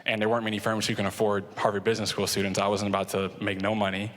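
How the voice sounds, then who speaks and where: A man's voice: on the low side, completely flat delivery, rapid-fire, fairly bright tone. A young adult man, a venture fund co-founder, telling his story casually on a conference panel and often saying "like". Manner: conversational, leans on "like" fillers. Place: conference stage in a large hall. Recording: long hall reverb.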